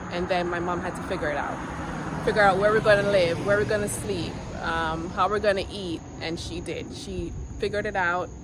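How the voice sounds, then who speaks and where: Insects and passing vehicles can be heard as a woman in her forties, originally from Jamaica, vlogs to a handheld camera on a quiet street. Her pitch is fairly low, and her casual talk comes across as earnest and reflective, with frequent pauses and restarts.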